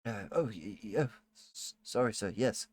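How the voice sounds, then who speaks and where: A man's voice: on the low side, lively intonation, normal speed, a little mellow. A man voicing a nervous, apologetic, deferential servant woman who stammers, in a tabletop role-playing game. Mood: meek, hesitant.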